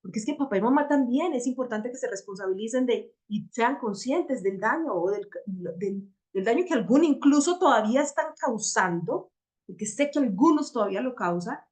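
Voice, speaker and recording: A woman's voice: on the high side, animated, normal speed, darkish tone. A woman teaching a personal growth workshop, talking reflectively and often checking in with her listeners. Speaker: workshop facilitator.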